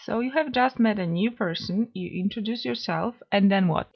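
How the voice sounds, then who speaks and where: A woman with a mid-range voice, a language teacher co-hosting a podcast, presents a scripted lesson for beginners. She speaks clearly and in a measured, instructive manner, and the lo-fi recording sounds slightly dull.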